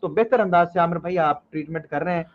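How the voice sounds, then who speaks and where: A man's voice: fairly high pitch, quick pace, highs cut off, a little hiss or hum. A male panelist on a streamed discussion, making indignant remarks.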